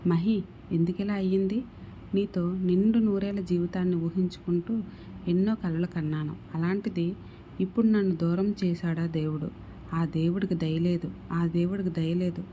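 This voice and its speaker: A woman's voice: on the low side, fairly even intonation, moderate pace, mellow, slight background noise, lightly acted. A woman voicing a young woman's newly dead spirit who pleads in bewilderment and grief. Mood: grieving.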